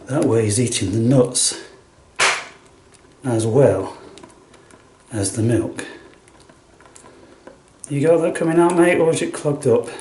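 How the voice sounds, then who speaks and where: Here a man with a warm, mid-range voice chats softly and casually to a pet he's caring for, recording a home feeding. His tone is coaxing and blokey, and he keeps saying "mate." There's an echo in the room plus faint noise and clicking.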